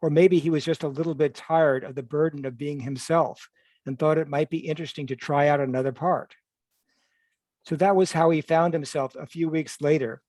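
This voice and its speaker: A man reads from his own novel at a measured, even pace, now and then correcting a word. His voice sits a little high for a man. The sound is dry and close, with no room around it. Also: no echo. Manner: measured, even reading with occasional self-corrections. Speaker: author. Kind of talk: reading aloud from his novel. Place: livestream reading.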